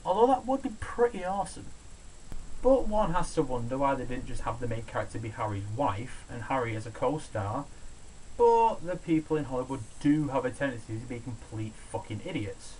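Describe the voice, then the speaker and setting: A man hosting a countdown show reads a scripted video review in a sardonic, opinionated and sweary style. His mid-range voice is fairly quick. The low-quality amateur home recording carries a steady background hiss.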